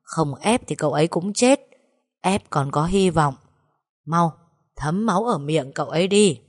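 A woman's voice: low voice, animated, a little slow, dry recording, clean studio sound. A woman voicing a stern old village man who barks curt, scolding orders. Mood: gruff urgent.

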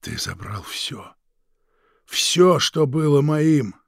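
A bitter old man hollers his grievances in a hoarse, high, strained voice, as a male audiobook reader puts him on. The delivery is slow and dragged out, with a gravelly crackle under every word. The recording is close and dry. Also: big pitch swings, dry recording, exaggerated voice. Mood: anguished, furious. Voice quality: hoarse yelling. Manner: shouting, sobbing, accusing. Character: bitter, furious older man, the narrator's resentful brother. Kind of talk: audiobook character reading.

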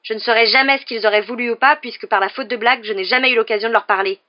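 A woman's voice: mid-range voice, fairly even intonation, fast, muffled recording, close to an everyday voice. Woman voicing a stubborn, bitter teenage boy. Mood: curt. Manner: curt, determined.

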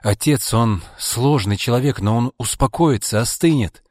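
A man voices a proud, defiant middle-aged mother who answers sharply, pitching his natural-sounding voice above his own. The sound is mid-range, moderately paced, and a little mellow, in a dry, clean studio recording.

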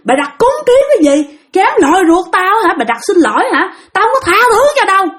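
Shrill, menacing old spirit, put on by a woman storyteller; very high, strained and loud in a folk ghost tale. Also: sing-song, a little fast, full character voice. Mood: furious. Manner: shrill, menacing, shouting threats. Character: vengeful old female spirit possessing a young man.

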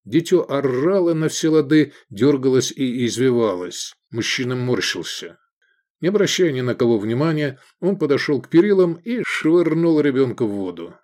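Man reading an audiobook with lively intonation. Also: mid-range voice, normal speed. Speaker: audiobook narrator. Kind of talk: scripted narration.

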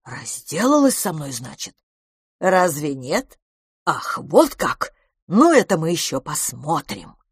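A woman's voice: low-pitched, very animated, takes it slowly, husky, no room sound, studio quality, full character voice. A woman voicing a brusque, jealous young suitor with a hot temper in an audiobook. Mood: indignant. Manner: brusque, challenging.

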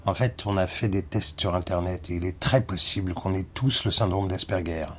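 An actor playing a pedantic adult clone in a radio drama, hesitant and nitpicking about grammar. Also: male voice, low-pitched, normal speed, a little hiss or hum, natural voice.

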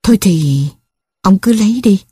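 A woman's voice: mid-range voice, expressive, normal speed, warm tone, slightly rough, no room sound, studio quality, faint music behind. A woman voicing a starving, poor old woman in an audiobook story, speaking weakly and pleading. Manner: weak, pleading.

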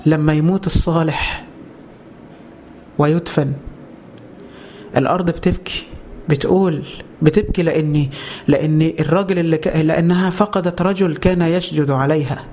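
A man's voice: on the high side, fairly even intonation, normal speed, long pauses, a little mellow, slight background noise. A man with an Egyptian Arabic accent preaching a religious lesson, firing rhetorical questions and answering them himself with passion.

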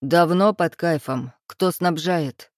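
Woman doing a slow growling club owner. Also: lowish voice, no room sound, studio quality. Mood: menacing. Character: stern menacing male club owner.

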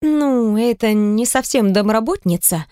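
A shy, weary young heroine from an audiobook, speaking in a fairly high voice, as a woman narrator reads her. The recording is close and dry. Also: lively intonation, measured pace, no echo. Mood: weary, embarrassed. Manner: weary, embarrassed, soft. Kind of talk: audiobook character reading.

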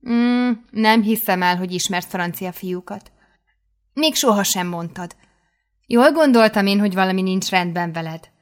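A woman voicing a nosy, excitable teenage schoolgirl who keeps pressing with questions in an audiobook. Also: mid-range voice, natural voice. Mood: prying. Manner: insistent, prying questions. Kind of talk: audiobook character voice.

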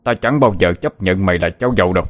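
A man's voice: low voice, quick pace, natural voice. A man voicing a furious, scornful older clan elder who barks contemptuous commands.

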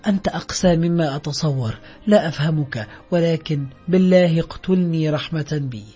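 A man's voice: a little high, a little fast, mellow, husky, soft background music. A male narrator voicing a desperate, weary young woman who pleads and reproaches. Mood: pleading. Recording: dull lo-fi audio.

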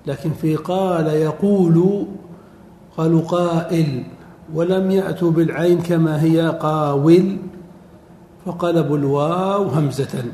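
A man teaching a classroom lecture, drawing out words slowly and quizzing his students. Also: fairly high pitch, fairly even intonation, mellow. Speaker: teacher of Arabic morphology. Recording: echoey hall with faint noise.

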